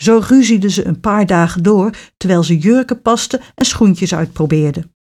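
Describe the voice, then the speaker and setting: A woman narrating a children's fairy tale in an expressive storytelling manner. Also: mid-range voice, moderate pace.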